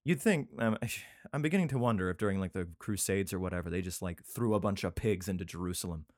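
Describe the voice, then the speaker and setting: Profane, rambling man with a low voice. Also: quick pace, darkish tone, no echo, studio quality. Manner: irreverent, profane, rambling asides. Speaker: host reading scripture aloud with comments. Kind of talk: casual comedic reading and chat. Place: indoor room with a cat.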